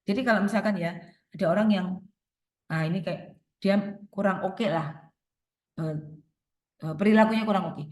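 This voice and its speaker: A woman's voice: mid-range voice, normal speed, pauses often. A woman answering audience questions in a workshop talk, explaining her points with everyday examples and rhetorical questions. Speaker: workshop speaker. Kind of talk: webinar Q&A advice talk. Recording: echoey room sound.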